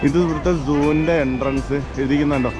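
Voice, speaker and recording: Higher-voiced man vlogging in mix. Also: steady tone, fast talker, over music. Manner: Malayalam mixed with English words. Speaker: family vlogger. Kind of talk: casual family vlog chat, addressing viewers and children. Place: outdoors at a busy zoo park.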